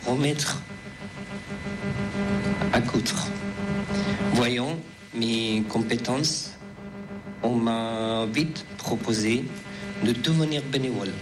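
A man in his thirties with an Afghan accent reads his testimony at a very slow, careful pace. His voice sits at an ordinary middle pitch, and he stops and restarts words. Clear music plays behind him. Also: lively intonation, poor audio. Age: 30s. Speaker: refugee giving testimony. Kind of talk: reading a prepared testimony.

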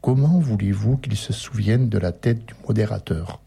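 A male radio interviewer with a rough, gravelly and husky voice. His tone is dark and mellow, and his pitch rises and falls in a lively way as he reads book passages aloud with animated emphasis. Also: moderate pace. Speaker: radio host.

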